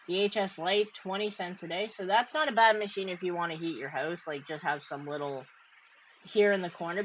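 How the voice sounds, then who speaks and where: A woman's voice: lowish voice, a little hiss or hum, low-quality recording. Chatty Canadian woman streaming casually. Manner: chatty, laughs often, thinks aloud. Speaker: crypto mining streamer host. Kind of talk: casual chat.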